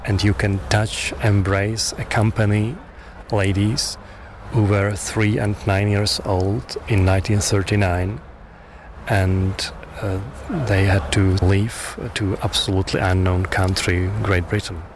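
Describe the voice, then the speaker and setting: Earnest low-voiced man from Czechia. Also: level tone, measured pace, background noise. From Czech Republic. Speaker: festival organizer. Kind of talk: interview.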